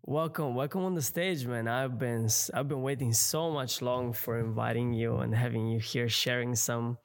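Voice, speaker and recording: Eager podcast host with non-native phrasing. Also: male voice, mid-range voice, steady tone, moderate pace. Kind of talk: casual interview chat.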